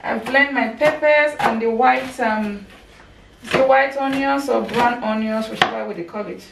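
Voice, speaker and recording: In her home kitchen, a woman in her thirties chats casually while chopping and cooking for her vlog. Her voice is a little high and gravelly, and she speaks at a measured pace. A camera mic across the room picks her up, so the sound is echoey with background noise.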